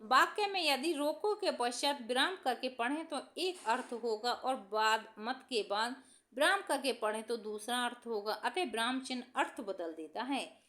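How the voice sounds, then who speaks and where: A woman teacher reading exam answers aloud from study notes in a steady, dictation-like way, announcing each question number. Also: on the high side, a little slow.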